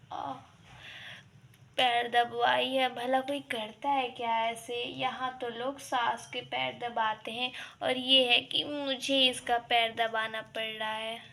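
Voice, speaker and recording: A woman's voice: fairly high pitch, gravelly, pushed and bright, full character voice. A woman voicing a scolding, sly older village mother-in-law in a toy doll play, with nagging complaints and mocking chuckles.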